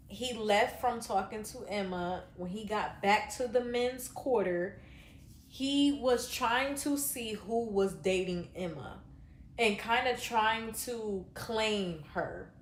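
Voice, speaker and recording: Woman, casual reality-show review, rambling and blunt, unhurried delivery, roomy echo. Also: medium pitch, slight background noise. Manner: rambling, filler-heavy, blunt and profane. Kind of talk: casual reaction commentary.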